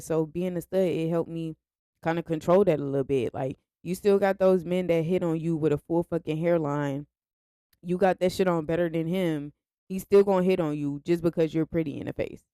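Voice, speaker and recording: Young woman, confessional vlog, frank, smooth clear voice, dry close sound. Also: fairly low pitch, dark tone, no room sound. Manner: frank and confessional, speaks straight to her viewers. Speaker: vlogger. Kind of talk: candid personal vlog monologue.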